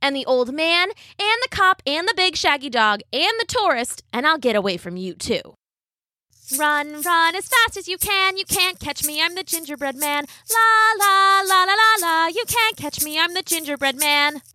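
A woman's voice: sits high, very animated, moderate pace, hardly any pauses, pushed and bright, no room sound, studio quality, voice pushed up, heavily acted. A woman voicing a cocky little gingerbread cookie man who taunts in a sing-song chant. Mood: taunting.

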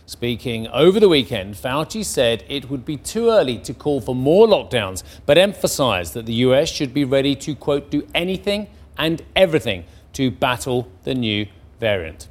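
A man presenting broadcast news, brisk and assured, with occasional conversational asides. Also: mid-range voice, big pitch swings.

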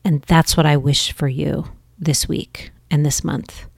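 A woman hosting a podcast, giving a gentle, earnest spiritual teaching with soft restarts. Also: low voice, fairly even intonation, a little slow, vocal fry, dry recording, studio quality.

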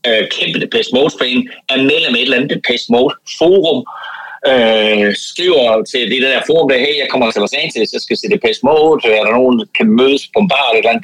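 A man's voice: mid-range voice, a bit bright, slightly rough, no echo, low-quality recording. A man from Denmark chatting casually as a podcast guest, talking like an enthusiastic fan and repeating words for emphasis. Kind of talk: casual chat.

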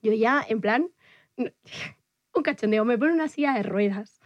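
Young woman, podcast co-host, bright upper voice, dry close sound, animated tale-teller who squeals out her own lines. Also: unhurried, no echo, lo-fi sound. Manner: animated storyteller, acts out her own quotes in high squeals. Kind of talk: casual chat.

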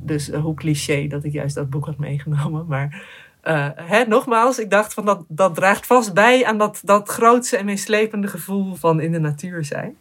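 Young woman, reflective storyteller, hesitant and halting, soft music underneath. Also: lowish voice. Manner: hesitant, many fillers and restarts. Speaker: guest telling a solo hiking story.

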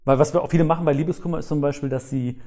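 A man's voice: a little high, very fast. A man, a guest on a podcast, talking casually and giving life advice, acting out people's thoughts in little quotes and tagging "ne?" onto his phrases. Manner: animated, acts out other people's thoughts in quotes; ends phrases with "ne?".

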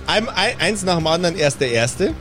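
Background music plays as a man runs an improvised tabletop game, describing each detailed bit of action as he invents it. His voice is fairly bright and on the high side, animated, at a normal speed.

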